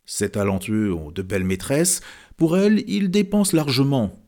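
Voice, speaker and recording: A man's voice: medium pitch, animated, normal speed, dark tone, pitched above the performer's own voice, lightly acted. A man voicing a cheerful, chatty male villager who talks enthusiastically and gossips. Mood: enthusiastic.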